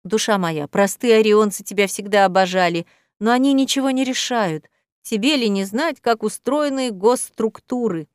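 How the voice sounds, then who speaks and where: A woman's voice: medium pitch, moderate pace, clean tone, no room sound, studio quality, close to an everyday voice. A woman voicing a playful, ironic young heroine who teases her friend in an audiobook. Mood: teasing. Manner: teasing, ironic. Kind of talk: audiobook character voice.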